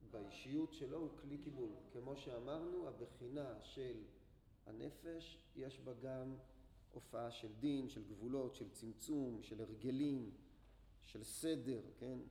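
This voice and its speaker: A man's voice: medium pitch, warm tone. A man teaching a Torah class to a group, telling a story and asking his listeners questions, recorded in an echoey hall with faint noise. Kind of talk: religious class lecture.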